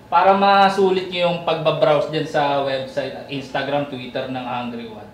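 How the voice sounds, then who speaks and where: A man's voice: on the high side, steady tone, moderate pace. A man with a Filipino accent co-hosting, joking in casual Taglish banter and plugging sponsors. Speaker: co-host. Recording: echoey room with faint noise.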